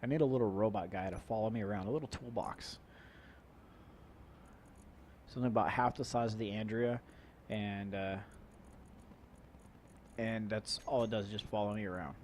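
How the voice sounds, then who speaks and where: A man's voice: lowish voice, steady tone, moderate pace, long pauses, a little mellow. A man with a nasal, congested-sounding voice gives casual, rambling let's play commentary, muttering to himself as he goes. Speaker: gaming video host. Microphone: low-quality microphone. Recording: poor mic with chopping helicopter-like noise. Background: helicopter-like equipment noise.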